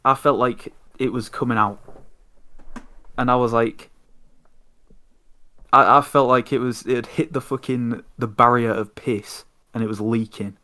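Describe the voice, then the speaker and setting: A man's voice: mid-range voice, fairly even intonation, measured pace, long pauses, bright, forceful tone. A young man hosting a podcast, telling an exasperated, sweary story in casual chat. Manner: sweary, exasperated ranting anecdote. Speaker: podcast host.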